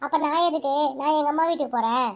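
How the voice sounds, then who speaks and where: A woman voicing a nagging wife and mother of two daughters in a cartoon family drama, complaining loudly to her husband. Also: high-pitched, fast talker, close to an everyday voice. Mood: scolding. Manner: nagging, complaining, turns tearful.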